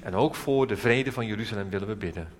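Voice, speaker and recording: A man leading a church prayer and sermon, earnest and drawing out key words slowly. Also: on the low side, in a large hall, a little hiss or hum. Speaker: preacher.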